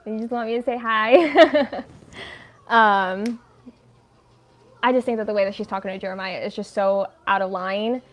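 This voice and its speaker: A woman from the United States hosts a casual livestream at home, talking while she crochets and drifting between topics with frequent "like"s. Her medium-pitched voice is a little slow, with long pauses.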